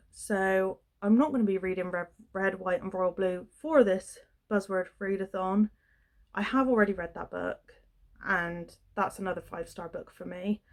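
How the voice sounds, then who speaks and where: A young woman with a sore, croaky throat, chatting casually as she reviews a book for her vlog, rambling and correcting herself as she goes. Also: mid-range voice.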